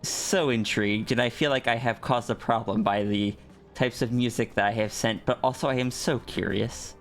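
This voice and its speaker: A man's voice: medium pitch, fairly even intonation, normal speed, faint music behind. Hesitant, polite man on a stream. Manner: hesitant, restarts, soft and polite. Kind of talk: casual chat on a group stream.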